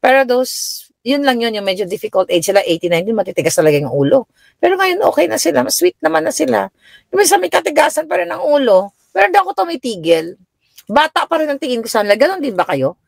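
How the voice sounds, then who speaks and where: A middle-aged woman from the Philippines chatting casually on a live stream, telling stories about her grown children and answering viewers, her voice jumping higher when she quotes herself. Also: expressive, quick pace, gravelly, no room sound, clean studio sound. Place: home in the United States.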